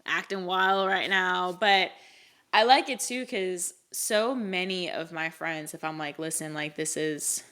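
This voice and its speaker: Young female co-host, casual podcast chat, rambling, lots of "like" and "um", a little low. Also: a little slow, sharp tone. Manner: rambling, filler-heavy, laughs often.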